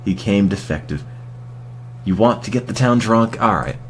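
Low-voiced sarcastic male game streamer. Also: animated, moderate pace, slight background noise. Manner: dry, sarcastic. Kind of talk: casual gameplay commentary.

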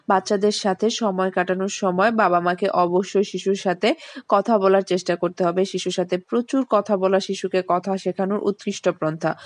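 Woman calmly reading parenting tips. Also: mid-range voice, no room sound. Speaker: parenting channel host. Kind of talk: scripted voice-over tips.

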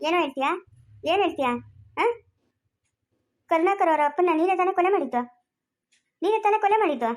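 Cop role: woman voicing a commanding young policewoman, very high voice, amateur family drama. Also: expressive, fast talker, pauses often. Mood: stern. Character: stern young policewoman, firm and unyielding.

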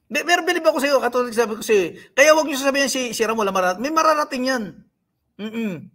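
High-voiced man ranting on a livestream. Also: expressive, quick pace, fairly bright tone. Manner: scolding, mocking rant. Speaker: livestream host. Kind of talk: live-stream commentary.

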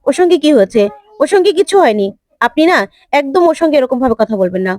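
An indignant young man firing heated, challenging questions, voiced by a woman narrator. The delivery runs very high and loud, with a dry, close sound. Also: animated, a little fast, dry recording.

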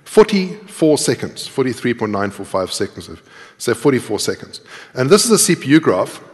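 Here a middle-aged man at normal speed, his medium-pitched voice swinging widely in pitch, presents live code as a conference speaker and programming teacher. He explains each step conversationally and asks the audience questions, with the reverberant echo of a large indoor tiered auditorium in the background.

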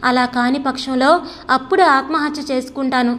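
A woman's voice: high voice, fairly quick, big-room sound. A woman reading the lines of a determined young woman who speaks firmly and steadily, in a storybook reading. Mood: pleading firm. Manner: firm, steady.

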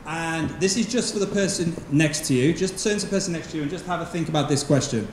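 A man's voice: fairly high pitch, fast talker, slight background noise. A man in his thirties, a school principal, giving a casual, thankful welcome speech on a handheld mic in a large hall full of people, with frequent ums. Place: large event hall with seated audience. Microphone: handheld microphone.

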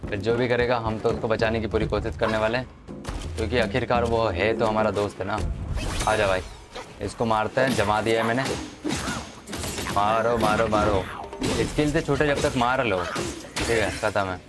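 Low-voiced man commentating a game. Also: fairly even intonation, brisk. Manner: chatty, talks to the viewers and to enemies. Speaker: gaming commentator. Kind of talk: casual gameplay commentary. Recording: game music underneath. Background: game music.

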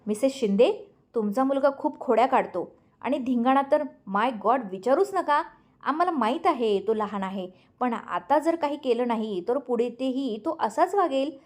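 A woman's voice: high voice, animated, normal speed, voice pushed up. Stern school principal woman, read by a woman narrator.

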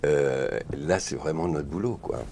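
A middle-aged male voice actor and singer, interviewed, telling lively stories and acting out voices. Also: a little slow, a little hiss or hum. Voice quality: very deep, husky. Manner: lively storyteller, acts out voices.

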